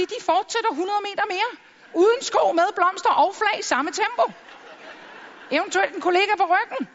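A middle-aged woman giving a lively stage talk full of jokes and acted-out quotes. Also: high-pitched, big-room sound, muffled recording. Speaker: public speaker.

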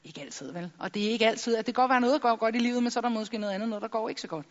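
A middle-aged woman giving a lively stage talk full of jokes and acted-out quotes. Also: fairly high pitch, big-room sound, muffled recording. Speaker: public speaker.

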